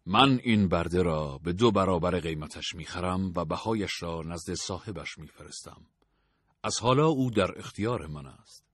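A man voicing a calm, firm young man in an audiobook, speaking in a measured way. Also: low voice, slightly rough, no echo, clean studio sound, voice pushed down, exaggerated voice. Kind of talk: audiobook character voice.

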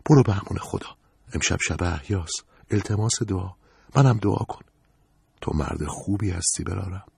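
A kind, frail older woman, voiced by a male narrator, talks slowly and gently. Her slightly raised tone has a husky texture. It is recorded dry and close. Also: low-pitched, no room sound, heavily acted. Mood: tender.

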